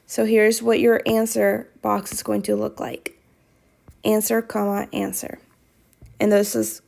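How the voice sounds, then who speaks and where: A woman's voice: medium pitch, vocal fry, a little mellow. A woman teaching Spanish, reading quiz questions aloud and patiently repeating instructions to her students.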